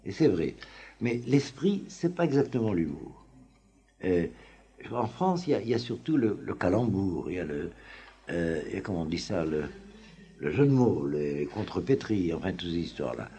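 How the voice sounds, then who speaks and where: A man teaching a class on the Talmud in an informal, halting lecture full of fillers and restarts. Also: deep voice, big pitch swings, mellow. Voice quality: very husky voice. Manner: halting, many fillers and restarts, chuckles often.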